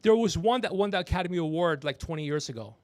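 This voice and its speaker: Talking fast with lively intonation, a comedian and podcast host rambles and jokes on a livestream, promoting himself and bantering with a crew member off mic. His voice runs on the high side, there's no echo, and he's using a podcast microphone and headphones.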